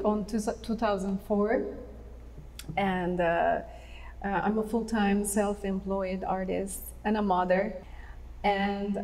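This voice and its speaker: A woman from Turkey with a Turkish accent, presenting her artwork at a talk and often pausing with fillers and restarts. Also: mid-range voice, warm tone, long reverb tail, recorded from a distance, low-quality recording. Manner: hesitant, many fillers and restarts. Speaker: visual artist. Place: museum atrium.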